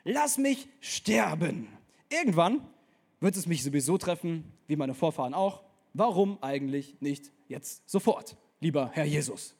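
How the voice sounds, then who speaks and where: A man voicing a worn-out prophet who groans that he wants to die, speaking slowly. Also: a little high, lively intonation, creaky, a little mellow, slightly rough, full character voice. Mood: despairing. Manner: slow, groaning, drawn out. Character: weary, despairing prophet longing to die.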